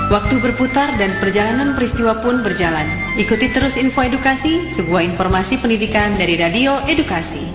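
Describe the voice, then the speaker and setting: A woman announcing an AM radio station ident in a bright, sing-song promo delivery, with heavy reverb over the jingle. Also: on the high side, lively intonation, a little fast, hardly any pauses. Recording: reverb-drenched jingle over loud music.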